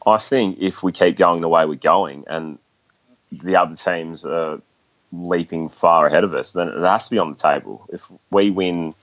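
Deep-voiced Australian man chatting sport. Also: moderate pace, a bit bright, no room sound, muffled recording. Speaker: sports podcast guest. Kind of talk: casual sports discussion.

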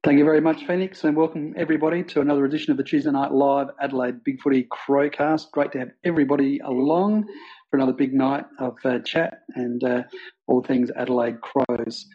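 A man's voice: mid-range voice, fairly even intonation, brisk, breathy edge, lo-fi sound. A man with an Australian accent hosting a casual fan podcast, rambling with plenty of ums and uhs. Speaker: podcast host.

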